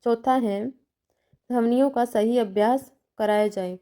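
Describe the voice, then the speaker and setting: A woman's voice: a little high, unhurried, mellow. A woman giving a teacher-training lecture, working through numbered points with examples and checking in between them. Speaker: teacher educator.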